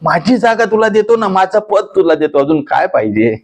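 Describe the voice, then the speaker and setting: A man voicing the god Vitthal as a gentle, pleading male deity inside a devotional sermon, coaxing in a raised voice. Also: big pitch swings, normal speed, exaggerated voice. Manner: pleading, affectionate, raised pitch. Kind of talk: acted dialogue within devotional sermon.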